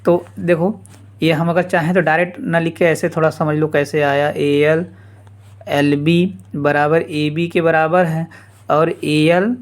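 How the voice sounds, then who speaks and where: A man's voice: a little high, little pitch movement, unhurried. A man teaching a geometry proof step by step, casually repeating each step and calling the listeners "yaar". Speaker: math teacher. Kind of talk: blackboard geometry lesson.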